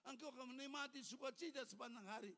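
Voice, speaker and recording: With an extremely high, pushed, bright voice and a fast pace, an elderly pastor in his eighties exhorts his congregation fervently and repetitively. The sermon echoes with the long reverb of a church hall.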